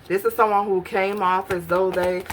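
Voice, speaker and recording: A woman's voice: medium pitch, flat delivery, moderate pace, a little hiss or hum. A woman doing a casual tarot reading, musing aloud and questioning the cards as she pulls them. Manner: musing, talks to herself while pulling cards. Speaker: tarot reader.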